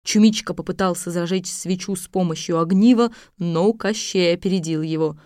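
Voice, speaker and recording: Calm woman narrating a fairy tale. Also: lowish voice, normal speed, dry recording, studio quality. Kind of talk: storybook narration.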